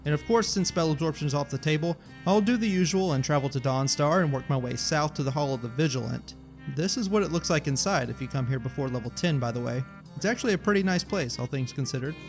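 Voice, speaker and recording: Gaming narrator, male, wry and joking, a bit high-pitched. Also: lively intonation, quick pace, faint music behind. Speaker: gaming YouTuber. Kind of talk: scripted gameplay narration.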